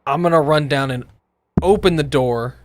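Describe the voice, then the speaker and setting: A man's voice: on the high side, normal speed. A man chatting casually as a player in a tabletop role-playing game. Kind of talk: casual chat. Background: background music.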